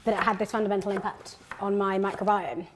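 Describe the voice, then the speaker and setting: A woman's voice: mid-range voice, fairly even intonation, quick pace, noisy background. A woman from Birmingham in her thirties, a company founder chatting casually while cooking in a home kitchen, full of fillers and restarts. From England (Birmingham).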